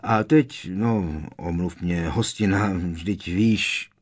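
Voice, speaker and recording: A man voicing a sorrowful old gentleman ghost who speaks quietly and hesitantly in an audiobook. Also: deep voice, breathy edge. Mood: mournful. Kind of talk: audiobook character reading.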